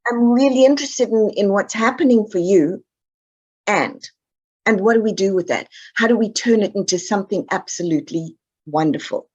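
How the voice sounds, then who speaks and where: Podcast guest: South African woman, direct and emphatic, average pitch, muffled audio. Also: normal speed, a little mellow, husky. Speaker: guest expert. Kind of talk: podcast interview.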